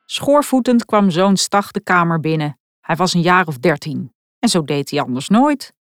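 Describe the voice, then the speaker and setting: Wry, low-voiced middle-aged woman storyteller. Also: expressive, normal speed, no room sound, clean studio sound. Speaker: podcast host and narrator. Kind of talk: scripted storytelling narration.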